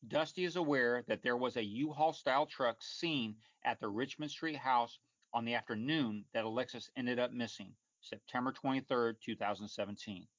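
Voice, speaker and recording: A man hosting and narrating a true crime story from a script in a measured, formal, matter-of-fact way. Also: medium pitch, a bit bright, dry recording, highs cut off. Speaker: podcast host and narrator.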